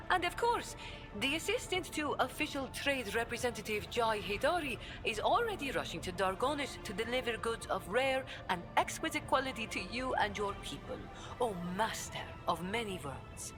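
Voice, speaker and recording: A woman's voice: fairly high pitch, very animated, moderate pace. An actress voicing an ornate, obsequious woman trade agent in a video game. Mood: flattering. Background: game music.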